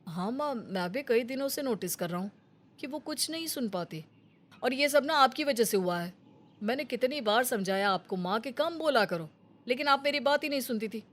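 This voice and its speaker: A woman's voice: on the high side, expressive, normal speed. A woman voicing a grown son in a storybook tale, speaking earnestly and lecturing his mother. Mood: reproachful. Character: grown son, calm and reproachful. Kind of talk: Hindi storybook voice acting.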